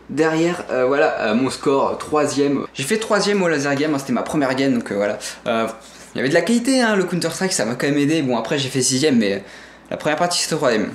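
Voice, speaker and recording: A man's voice: mid-range voice, slight background noise. A young man with a French accent giving a casual, rambling tour of his gaming room, hesitating often and joking about his collectibles. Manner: rambling, lots of hesitations and self-corrections; playful and enthusiastic about collectibles. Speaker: gaming streamer showing his setup.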